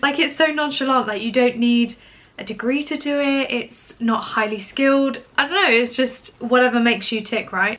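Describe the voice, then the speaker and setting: A young woman in her twenties hosts a relaxed Q&A vlog, talking straight to her viewers. Her voice sits a little on the high side. She rambles in a friendly way, peppering her talk with "like" and little check-ins to the viewer. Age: 20s. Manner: chatty, upbeat, many fillers like "like" and "do you know what I mean". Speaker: lifestyle vlogger. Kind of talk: casual chatty Q&A to camera.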